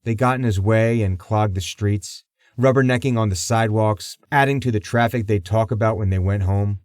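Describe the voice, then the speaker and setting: A man narrating a crime audiobook in a measured, even storytelling manner. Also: lowish voice, no room sound, clean studio sound. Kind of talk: scripted narration.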